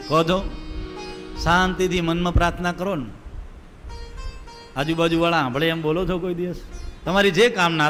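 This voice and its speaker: A man's voice: on the high side, a bit bright. Man preaching in an echoing hall. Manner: storytelling, asks the audience rhetorical questions. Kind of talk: devotional sermon. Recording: reverberant hall with sitar music behind.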